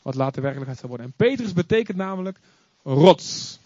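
A man preaching an animated sermon to a congregation, acting out stories and asking the listeners to join in. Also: high-pitched, racing, no room sound. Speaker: pastor. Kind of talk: lively sermon. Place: church before a congregation. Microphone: recorded live. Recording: slightly muffled, dry.

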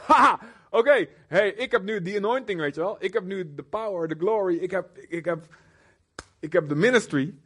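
A male preacher voicing the apostle Peter as boastful and overconfident, in a husky voice. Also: high-pitched, fairly quick, hardly any pauses, darkish tone. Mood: cocky. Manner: cocky, brash.

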